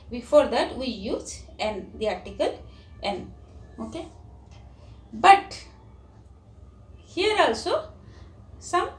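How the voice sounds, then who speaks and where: A woman with an Indian English accent teaches grammar at an unhurried pace, her high voice rising and falling a lot. She spells words out letter by letter. The mic sits away from her in an echoey room with a faint hum behind. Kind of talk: grammar lesson for children. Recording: roomy, distant mic, faint background hum.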